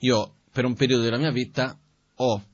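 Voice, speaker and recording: A man giving a Buddhist teaching in a calm, conversational way, asking rhetorical questions as he goes. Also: medium pitch, moderate pace, dry recording. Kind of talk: spoken dharma teaching. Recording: dull, dry, lo-fi recording.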